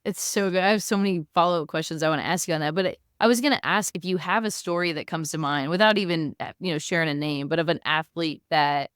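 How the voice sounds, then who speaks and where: A woman's voice: lowish voice, fast, hardly any pauses, a bit bright, clean tone, no room sound, clean studio sound. A woman hosting a podcast interview, encouraging and asking long, winding questions. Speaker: podcast host.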